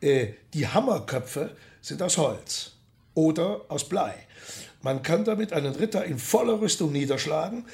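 This radio drama performer takes the role of a matter-of-fact male authority on medieval arms, narrating precise, instructive explanations as a documentary voice would. His delivery is animated and unhurried, in a slightly high voice that is gravelly yet a little mellow.

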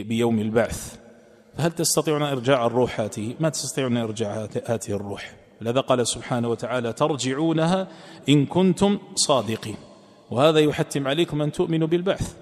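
A man's voice: mid-range voice, darkish tone. Man teaching exegesis in reverberant hall. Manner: recites verses slowly, repeats phrases to explain. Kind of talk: religious lesson.

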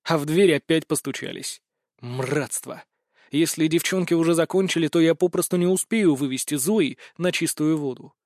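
Man, audiobook narrator, first-person story, fairly high-pitched, dry close recording. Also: normal speed, darkish tone, no echo.

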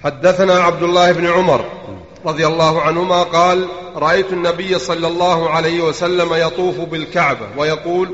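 A man reading chains of narration aloud in a steady, formal recitation for a study circle. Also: a little high. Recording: dull echoey hall recording.

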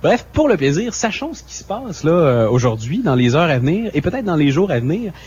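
A man's voice: fairly high pitch, sing-song, a little fast, a little mellow, breathy edge, dull audio. A man co-hosting a radio show, reading out a schedule with many fillers and self-mocking asides. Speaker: radio co-host.

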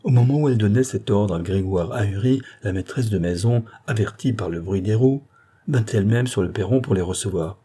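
A man reading a classic novel aloud in a calm, measured narration. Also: on the low side, husky. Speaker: audiobook narrator. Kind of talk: scripted narration.

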